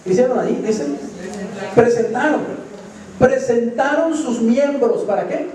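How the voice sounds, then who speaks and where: A man's voice: extremely high pitch, a little slow, darkish tone. A man preaching a sermon, emphatically asking the congregation questions and answering them himself. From Colombia. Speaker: pastor. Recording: echoey church hall from far off.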